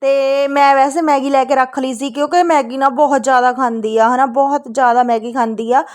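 High-voiced chatty mother vlogging. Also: steady tone, a little fast, a little mellow. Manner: chatty, keeps adding "isn't it" tags. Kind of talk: casual family vlog narration.

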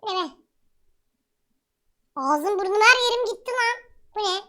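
A woman streamer chatting playfully through a pitch-raising voice changer filter that turns her voice squeaky. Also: expressive, normal speed, sharp tone, exaggerated voice. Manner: playful, giggly, exclaiming. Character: squeaky chipmunk-voiced version of herself. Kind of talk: casual live-stream chat.

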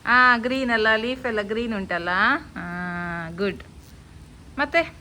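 A woman, a mother chatting casually in her home vlog and gently coaxing her child. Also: a little high, a little slow, a little hiss or hum.

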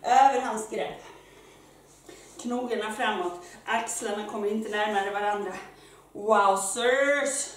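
A woman fitness coach who is out of breath, leading a workout with energetic, loud exclamations while she exercises. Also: mid-range voice. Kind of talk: live workout instruction. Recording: very echoey room, mic far off, faint noise.

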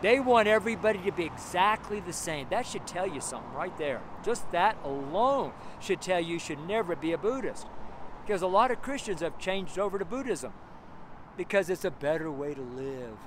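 Rambling street preacher outside by traffic. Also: male voice, high-pitched, animated, moderate pace. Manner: rambling, emphatic, with chuckles and frequent fillers. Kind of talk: outdoor street sermon. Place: outdoors on a sidewalk by a street. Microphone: camera held close, selfie framing. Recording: outdoor street with audible traffic noise. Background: passing traffic.

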